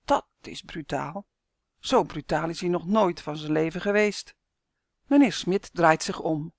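A woman author reading her own children's story aloud in a clear, expressive storytelling manner. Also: on the low side, a little slow, no room sound, clean studio sound.

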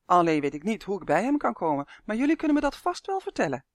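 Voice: mid-range voice, very animated, quick pace, no room sound, clean studio sound. A storyteller voicing Justin, a curious young boy in a children's story, who speaks earnestly.

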